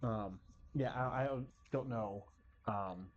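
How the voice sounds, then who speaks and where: A tired young man co-hosting a podcast, recapping slowly with lots of ums. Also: mid-range voice, highs cut off. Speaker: podcast co-host. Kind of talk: casual chat.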